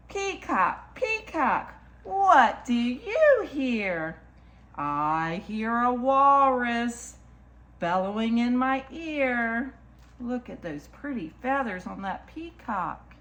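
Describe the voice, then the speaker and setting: Here a story time reader with a slightly high, fairly bright voice and big swings in pitch reads a picture book to young children. She takes it slowly and deliberately, repeating lines in a singsong way and speaking directly to the kids with simple asides.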